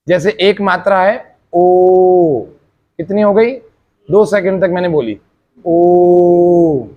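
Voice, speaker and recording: A man teaching a meditation class, explaining each step slowly and asking again and again whether his students have understood. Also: high voice, darkish tone.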